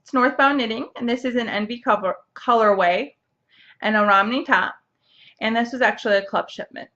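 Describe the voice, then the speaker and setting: A woman's voice: on the high side, normal speed, a bit bright, lo-fi sound. A young woman hosting a casual knitting podcast, chatty and bubbly, with lots of fillers and restarts. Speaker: podcast host. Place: home, seated at a computer.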